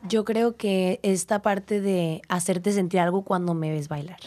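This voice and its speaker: A woman's voice: lowish voice, unhurried. A young woman with a Mexican accent, a dancer and teacher, talking reflectively in an interview and acting out what people say. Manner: reflective, animated, acts out quotes. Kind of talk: casual interview talk.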